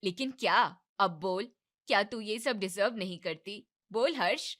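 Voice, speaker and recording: A woman's voice: medium pitch, measured pace, fairly bright tone, natural voice. A woman voicing a bossy but caring older mother-in-law in a cartoon family drama, scolding and commanding. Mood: firm.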